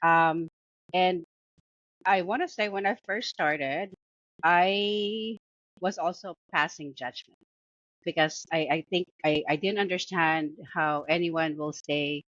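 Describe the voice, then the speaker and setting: A woman's voice: low-pitched, a bit bright, dry recording. A woman with a Filipino accent chatting casually as a co-host of a book review show. She talks with many fillers and restarts and laughs often. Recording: dull lo-fi dry sound.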